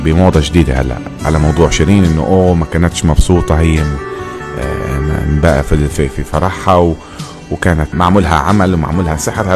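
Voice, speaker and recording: A low-voiced man with a Levantine Arabic accent chats quickly to his live-stream viewers over music. He often stops, repeats a word and picks up again. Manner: halting, repeats himself, addresses viewers directly.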